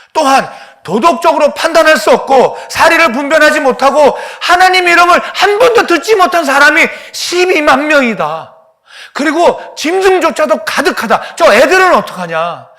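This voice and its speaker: A man's voice: very high voice, voice pushed up, exaggerated voice. A preacher voicing God as a pleading loving father. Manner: impassioned, rising to loud cries, then falling to a hushed whisper. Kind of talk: sermon with dramatized dialogue.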